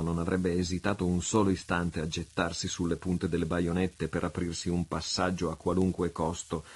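A man reading an adventure novel aloud in a measured, dramatic way. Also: low-pitched, slightly rough. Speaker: audiobook reader. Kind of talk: literary reading.

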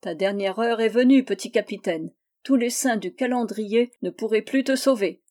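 A woman's voice: on the high side, normal speed, a little mellow, lightly acted. Woman doing a taunting jealous islander. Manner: taunting, cackling. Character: mocking young male islander, jealous.

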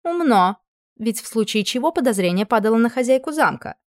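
Wry grumbling count, voiced by a woman, dry, mocking, higher voice, close sound. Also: animated, a little fast, no room sound, close to an everyday voice.

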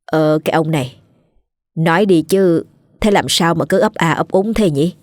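A woman voicing a sharp-tongued, domineering older wife who scolds and nags. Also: deep voice, moderate pace, no echo, close to an everyday voice. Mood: nagging. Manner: scolding, nagging.

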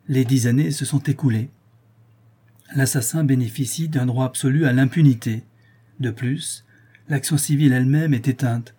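A man reading a short detective story aloud, measured and expressive. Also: medium pitch, slightly rough. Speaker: narrator.

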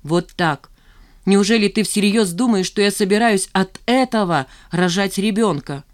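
A cold, clipped voice of a bitter woman in her thirties, voiced by a woman reading a novel, mid-pitched and even. She speaks with hard, determined finality. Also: measured pace, close to an everyday voice.

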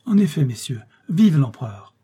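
A man's voice: on the high side, normal speed, mellow, husky. A man voicing a proud, defiant sick older father in a storybook reading, speaking solemnly and with dignity.

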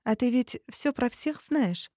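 A woman's voice: fairly high pitch, animated, takes it slowly, warm tone, no room sound, studio quality, voice pushed up. A woman voicing a shy, earnest young female trainee hunter in an audiobook. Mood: hesitant.

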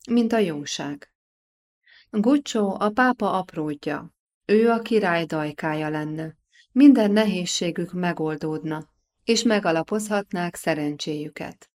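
A woman reading a historical novel aloud as an audiobook narrator, in measured scripted narration. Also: lowish voice, darkish tone. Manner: measured storytelling.

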